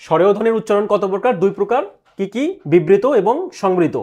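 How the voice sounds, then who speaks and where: Guy with a high voice teaching test prep, asks a question then answers it, says stuff twice. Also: a little mellow. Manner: repeats answers slowly, asks and answers own questions. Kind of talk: exam prep lecture.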